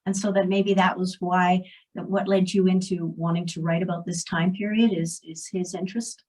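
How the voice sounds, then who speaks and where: A woman's voice: on the low side, level tone, moderate pace, darkish tone, low-quality recording. A woman interviewing an author for a library over a video call, upbeat, asking prepared questions.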